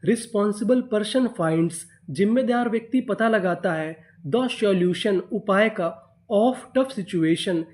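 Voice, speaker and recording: A man's voice: high voice, a little slow, hardly any pauses. A man teaching English reading in Hindi, spelling out each word letter by letter and asking and answering his own questions.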